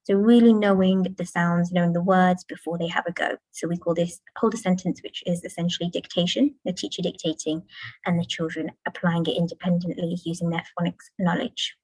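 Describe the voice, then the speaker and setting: Female teacher, parent presentation; low pitch, dry close sound, patient and clear. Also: fairly even intonation, brisk, darkish tone, dry recording, poor audio. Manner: clear, patient explaining with modelled classroom chants. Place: school, indoors.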